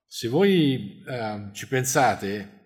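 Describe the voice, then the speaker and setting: A man preaching a reflective sermon, reading scripture aloud and talking in a halting way, restarting words and adding little tag questions. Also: medium pitch, expressive.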